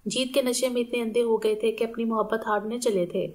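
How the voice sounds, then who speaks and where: A woman's voice: on the high side, fairly even intonation, darkish tone, lightly acted. A woman reading a proud young man's remorseful inner monologue in an audiobook novel. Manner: inner monologue, self-questioning.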